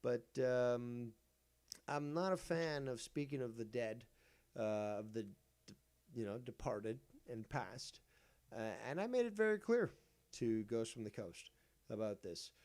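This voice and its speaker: A man's voice: medium pitch, lively intonation, a little slow, a little mellow. A man hosting a livestream, announcing in a theatrical way and swearing crudely. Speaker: stream host. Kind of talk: livestream drama talk.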